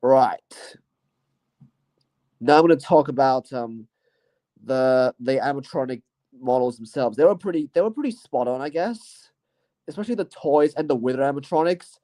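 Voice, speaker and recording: A man with a warm, mid-range voice speaks at a moderate pace while hosting his own channel, reflecting on his year and reviewing movies. He meanders and hesitates, frequently hedging, trailing off, and saying "you know" and "I guess."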